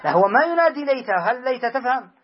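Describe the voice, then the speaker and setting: شيخ بصوت مرتفع ومبحوح في درس نحو. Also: male voice, very high voice, sing-song, fast, slightly rough, dull audio. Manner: explains patiently, repeats examples, quizzes students. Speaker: sheikh teaching Arabic grammar. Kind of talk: classroom grammar lesson.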